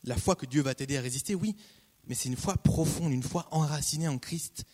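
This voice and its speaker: A man preaching a casual, conversational sermon, repeating key phrases and breaking off into lively asides. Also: a little high, fairly quick. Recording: long hall reverb.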